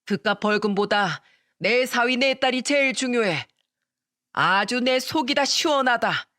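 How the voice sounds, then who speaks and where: A woman's voice: on the high side, unhurried, fairly bright tone, no room sound, voice pushed up. A woman voicing a blunt, indignant middle-aged father in a storytelling radio drama, a dry close recording. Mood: triumphant. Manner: blunt, boastful.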